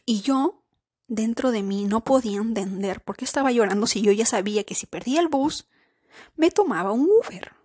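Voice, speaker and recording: A woman's voice: fairly high pitch, expressive, moderate pace, a little mellow, breathy edge, dry recording, studio quality. A woman in her thirties hosting a podcast, telling a personal story in a chatty way, speaking straight to her listeners and repeating words as she searches for them. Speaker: podcast host.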